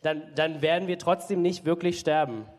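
A man's voice: on the high side, steady tone, moderate pace, darkish tone. A man interpreting a sermon live, hesitant, with many fillers and self-corrections. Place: church hall. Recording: long church hall reverb.

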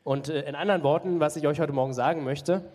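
A man interprets a sermon phrase by phrase, stumbling with fillers and self-corrections as he goes. His voice sits a little high for a man. The sound carries the long reverb of a church hall. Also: fast, a little mellow. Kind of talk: live consecutive interpreting of a sermon.

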